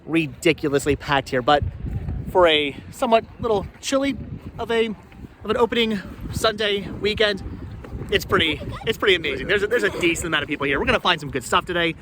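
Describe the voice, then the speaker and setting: Hosting a thrifting vlog outdoors at a busy flea market, a man speaks fairly fast in a high-sitting voice with lively intonation. His unscripted chat to the camera and his companions rambles, with frequent repeats and restarts. Vehicle noise and market ambience fill this noisy outdoor recording.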